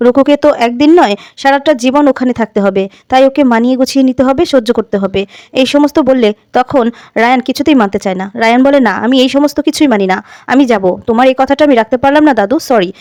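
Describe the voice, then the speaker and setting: A woman narrating a plot recap in a quick, running way, lightly acting out the characters' lines. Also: high voice, a little mellow, dry recording. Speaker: story narrator. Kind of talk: retelling a serial's plot with voiced dialogue.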